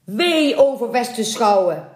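A woman's voice: lively intonation, slow pace, darkish tone. A woman voicing a grieving old merman. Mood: cursing. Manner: pleading, then booming curses. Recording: roomy echoing room.

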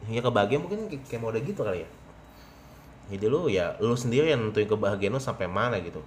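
A man's voice: on the low side, lively intonation, quick pace, a little hiss or hum. A young man, hosting a podcast in casual, rambling, slangy chat full of fillers. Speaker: podcast host.

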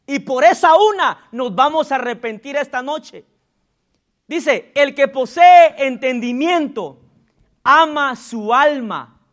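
A man preaching a sermon as pastor in a church, calling out loudly and acting out gossip in low murmurs. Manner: preaching with sudden loud calls and acted gossip asides.

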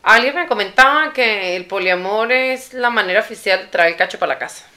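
A woman's voice: mid-range voice, animated, fairly quick, sharp tone. A woman co-hosting a casual chat show, playful and direct as she gives advice to viewers. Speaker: co-host. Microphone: video camera setup.

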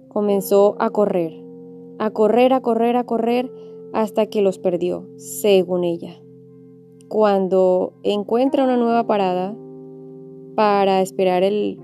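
A woman tells a tense story in a relaxed, mellow voice, stringing repeated words together to build suspense. She slips into the quoted lines as she goes, and faint music plays softly behind her. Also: mid-range voice. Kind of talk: casual spoken storytelling.

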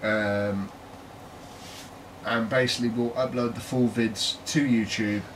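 Speaking slowly in a medium-pitched voice with fairly even intonation, this British co-host keeps the tech podcast casual, jokey, and full of laughter. The mic sits at a distance and catches a little faint noise.

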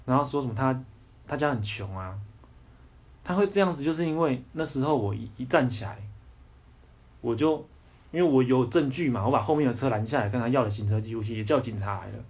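A young man with a Taiwanese Mandarin accent talks on a casual livestream podcast. His voice is husky and mid-pitched. He rants in a blunt, heated way and swears often. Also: darkish tone. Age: young adult. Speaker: podcast host.

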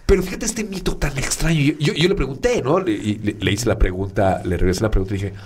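A Mexican man hosting a relaxed conversation, spinning stories with playful jokes. He stumbles into quick restarts, in a mid-pitched voice with a faint hiss behind him. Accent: Mexican Spanish. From Mexico City. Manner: storytelling, joking, with stammered restarts. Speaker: podcast host. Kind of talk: casual chat and anecdote.

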